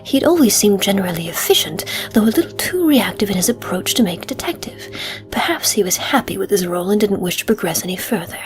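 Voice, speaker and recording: Composed male detective played by a woman, deliberate in-character video game narration, mid pitch, faint music underneath. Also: animated, close to an everyday voice. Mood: measured, observant. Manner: measured, deliberate storytelling in a put-on detective voice.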